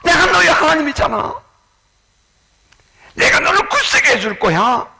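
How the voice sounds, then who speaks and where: A man voicing God, loudly pleading and reassuring in a high, strained voice. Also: sing-song, a little slow, creaky, heavy background noise, heavily acted. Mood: urgent, pleading. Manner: shouted, urgent reassurance. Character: tender pleading male God, comforting.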